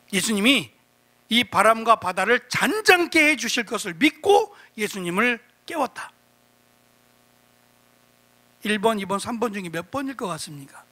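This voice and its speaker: A man's voice: extremely high pitch, sharp tone. A middle-aged male pastor preaching an expository sermon, often asking the congregation questions and acting out quoted lines. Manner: asks the congregation questions, acts out quoted speech.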